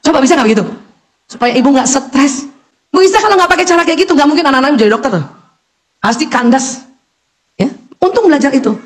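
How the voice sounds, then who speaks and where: A middle-aged woman with a high voice delivers a lively parenting lecture to a women's audience. She talks with humor and acts out calls and small scenes as she goes. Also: fast talker, pauses often. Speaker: doctor giving an Islamic parenting lecture.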